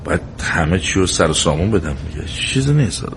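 A man's voice: animated, a little hiss or hum. A man acting as a tired middle-aged father and husband in a drama, often muttering under his breath and flaring up when angered. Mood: weary, muttering. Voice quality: low mutter at rest, loud shouts when angry. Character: weary middle-aged father, mumbling, quick to flare.

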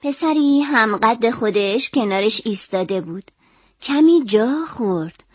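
A woman calmly and expressively reading a children's story aloud. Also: a little high, dry recording, studio quality.

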